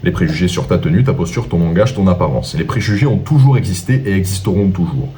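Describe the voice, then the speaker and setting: A man's voice: low voice, animated, fast talker, warm tone, slight background noise. A man speaking as a dating coach, giving an instructional monologue and laying out his points one by one with rhetorical questions.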